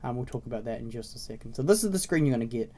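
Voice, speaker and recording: A man hosts a casual game tutorial in a mellow, slightly raspy voice. He has a cold and sounds a bit congested. His delivery is informal and explanatory, with frequent little check-ins to the viewer. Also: medium pitch, animated, racing. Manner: informal, explanatory, often checking in with "okay?" and "right?". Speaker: video host introducing a browser game series.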